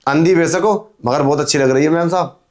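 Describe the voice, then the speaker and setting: A man's voice: fairly high pitch, fairly quick, lightly acted. A man playing a pushy young milkman who wheedles and insists in a melodramatic drama. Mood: leering. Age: young adult.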